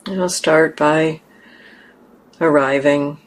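A meditation teacher with a low voice guides a meditation very slowly, gently and without hurry. Her intonation stays fairly even, and she leaves long pauses.

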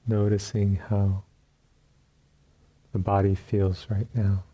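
In a meditation retreat room, a male teacher leads a guided meditation. He speaks calmly in short phrases separated by long pauses, his voice soft, husky, and on the lower side.

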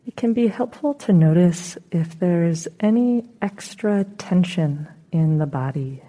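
Her pitch fairly low and her delivery animated, a woman leads a guided meditation. She instructs gently, in a calm and unhurried way.

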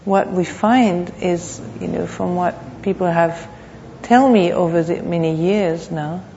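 In a reverberant hall, slightly dulled on the recording, a woman gives a meditation talk. Her voice is mellow and gravelly. She speaks reflectively, pausing and circling back over phrases. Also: lowish voice, lo-fi sound, a little hiss or hum. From Thailand. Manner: reflective, halting, with pauses and repeated phrases. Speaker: meditation teacher. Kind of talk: unscripted dharma talk.

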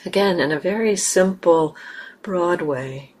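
A woman with a lowish voice leads a guided meditation as a teacher, speaking gently and unhurriedly with long pauses.

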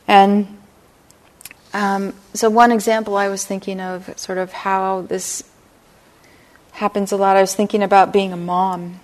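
A middle-aged woman teaching a meditation class, speaking gently and unhurriedly and often checking in with her listeners. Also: medium pitch, flat delivery. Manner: gentle, unhurried, lots of "right?" and "you know". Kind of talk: dharma talk to a class. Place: meditation hall.

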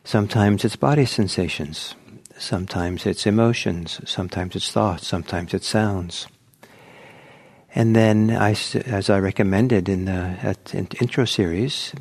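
A man with a lowish voice gives a guided meditation talk. He speaks slowly and gently, often pausing mid-thought as he leads listeners. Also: slightly rough. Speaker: meditation teacher. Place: meditation center.

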